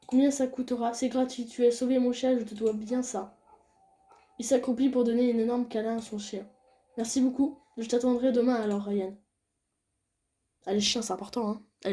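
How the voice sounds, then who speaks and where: In casual let's-play commentary, a young woman reads a visual novel aloud and chats about the game as she plays. She voices the game dialogue softly and low, then chats loudly and excitedly between scenes.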